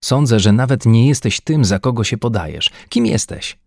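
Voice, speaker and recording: A man's voice: on the low side, moderate pace, darkish tone, no room sound, studio quality. A man voicing an agitated, frightened Earthman scientist in a science-fiction audiobook, pleading and near-hysterical. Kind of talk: audiobook character voice.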